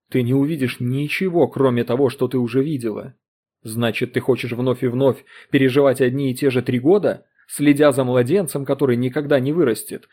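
A man voicing a bitter older historian in an audiobook reading, speaking slowly and cuttingly with harsh contempt. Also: mellow, breathy edge. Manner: low, slow, cutting, then furious.

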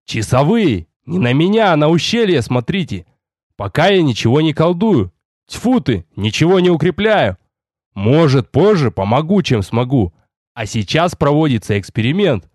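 A man's voice: on the high side, sing-song, moderate pace, darkish tone, no room sound, clean studio sound. A man voicing a stern young male lord and mage who gives curt orders. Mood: exasperated.

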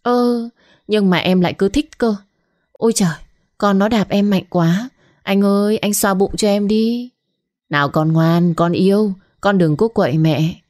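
Taunting young mistress, pregnant, low, audiobook story, voiced by a woman narrator. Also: moderate pace, few pauses, darkish tone, natural voice. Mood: coy. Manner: sneering, taunting, coy with lover.

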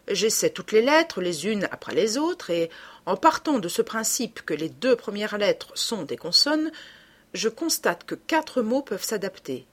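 A woman's voice: medium pitch, slightly rough. Woman reading a keen young detective. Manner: methodical, reasoning aloud. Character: young male amateur detective, keen and reasoning. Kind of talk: audiobook reading.

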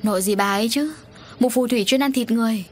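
A woman voicing a young woman raving in terror, shrill and frantic, in an audio story. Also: quick pace, slight background noise, lightly acted.

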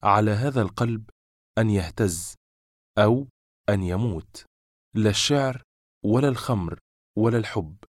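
A male audiobook narrator reads a novel in a measured, literary way. His voice sits low, and the recording is dry and close, with no room around it. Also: no room sound.

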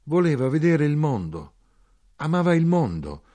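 An actor reading an audiobook, voicing a weary, resigned elderly mother with a soft, sorrowful manner. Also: on the high side, very animated, normal speed, voice pushed up. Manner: soft, sorrowful, plain-spoken.

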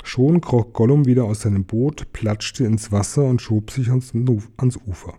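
A man calmly reading a children's fantasy book aloud as narrator. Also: mid-range voice, normal speed. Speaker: audiobook reader. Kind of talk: storybook narration.

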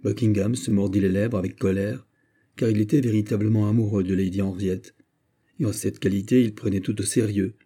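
A lowish-voiced man tells a classic novel aloud as an audiobook, his narration calm, even, and measured.

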